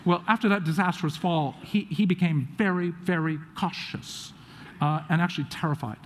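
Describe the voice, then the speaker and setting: Man, high-voiced storyteller, animated with acted quotes, long hall reverb. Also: moderate pace, slight background noise. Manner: animated, acts out quotes of others. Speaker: speaker telling a family story. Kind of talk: storytelling talk to an audience. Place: auditorium.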